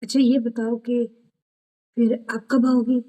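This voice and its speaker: A woman's voice: fairly high pitch, level tone, slow pace, warm tone. A woman voicing a proud, angry teenage boy in detention who talks in a sullen, demanding way. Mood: hesitant.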